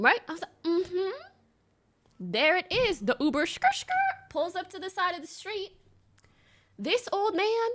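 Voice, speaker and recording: A very high-pitched woman streamer tells her viewers a story in casual chat. She's animated and slangy, laughs a lot, and swears now and then.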